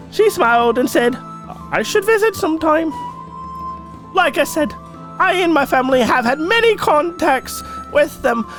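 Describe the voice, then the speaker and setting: A man voicing an older Irish woman who slowly and earnestly tells of her encounters with fairies, in a put-on Irish accent. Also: very high-pitched, fairly bright tone, voice pushed up, exaggerated voice. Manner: slow, earnest storytelling. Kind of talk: dramatic reading of listener stories.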